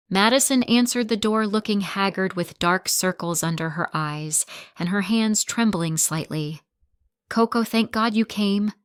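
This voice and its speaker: A woman narrating a first-person revenge story in a steady, even storytelling delivery, recorded close to the mic. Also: lowish voice, clean tone, no room sound.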